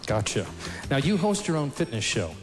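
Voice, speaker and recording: A man's voice: medium pitch, sing-song, moderate pace. A man interviewing contestants live on stage as a pageant host. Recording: echoey stage, loud music and crowd.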